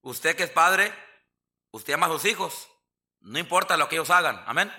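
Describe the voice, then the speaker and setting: A man's voice: a little high, animated, normal speed, bright, forceful tone. A Mexican man from the south of the country preaching a sermon in church, folksy and joking, often asking the congregation for an amen. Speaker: pastor.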